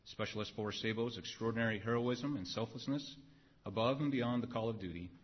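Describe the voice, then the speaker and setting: Solemn husky-voiced man reading formally. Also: mid-range voice. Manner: measured, solemn, evenly phrased. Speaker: ceremony announcer reading an award citation. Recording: dull lo-fi recording.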